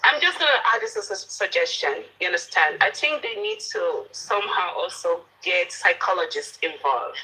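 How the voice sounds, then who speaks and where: Emphatic Nigerian woman, bright and husky. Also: fairly low pitch, animated, moderate pace, hardly any pauses, poor audio. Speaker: guest panelist on a live online discussion. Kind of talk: impassioned informal discussion.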